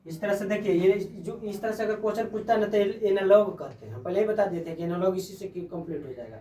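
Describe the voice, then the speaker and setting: High-voiced male teacher in an echoey room. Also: warm tone. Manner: spells letters out slowly, asks the class rhetorical questions. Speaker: reasoning teacher. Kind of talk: classroom lecture. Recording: echoey room, voice far from the mic.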